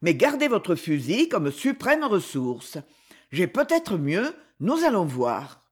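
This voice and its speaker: A man reading the part of a bold, calm English hunter in an audiobook, with a steady, decisive manner. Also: sits high, takes it slowly, husky, full character voice. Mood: urgent, hushed. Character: bold, coolheaded male English big-game hunter.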